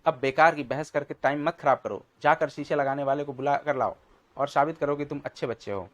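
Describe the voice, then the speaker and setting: A man's voice: fairly high pitch, a little fast, lo-fi sound, natural voice. A man voicing a stern father in a children's comic story, scolding and lecturing his two sons.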